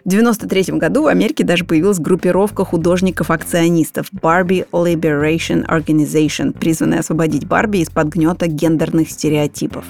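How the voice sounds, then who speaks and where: Female documentary narrator with a lower register, explanatory scripted read over soft background music. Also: fairly even intonation, fast talker, creaky, few pauses.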